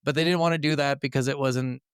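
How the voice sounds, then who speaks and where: A podcast co-host chats casually about games and reviews them, saying "like" often in an informal, conversational way. His medium-pitched voice is steady, quick and smooth, with clean studio sound and no room echo.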